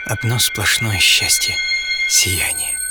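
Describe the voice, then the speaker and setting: A man with a lowish voice speaks slowly, presenting a programme he wrote by theatrically recounting a dramatized first-person story and savouring each short phrase. A loud music bed plays behind him.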